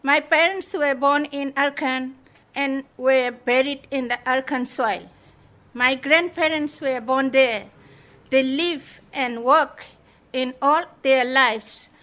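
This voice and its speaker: Bright, high woman reading a voice-over. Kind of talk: first-person voice-over reading.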